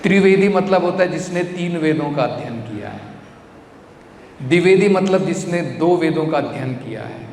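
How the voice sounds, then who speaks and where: A man's voice: fairly high pitch, lively intonation, moderate pace, darkish tone, slight background noise. A man giving a devotional scripture lecture, explaining verses line by line and putting rhetorical questions to his listeners. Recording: echoey hall with faint ambience.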